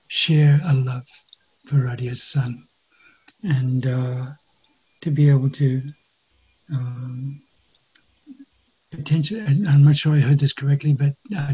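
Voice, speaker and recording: A man acting as a mediator, calmly paraphrasing what each side says, with many pauses and fillers, on a dull lo-fi recording. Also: mid-range voice, breathy edge. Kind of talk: guided mediation dialogue.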